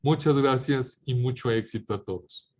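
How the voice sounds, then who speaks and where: A man's voice: medium pitch, normal speed, darkish tone. A man with a Mexican accent delivering a formal, scripted welcome speech as an official. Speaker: financial regulator official.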